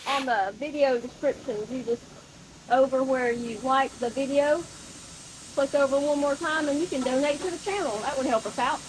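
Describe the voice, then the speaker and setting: A woman's voice: high voice, moderate pace, noisy background. A woman co-hosting a shop vlog, plainly explaining things to viewers. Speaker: co-host. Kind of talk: casual shop vlog talk. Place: auto shop garage.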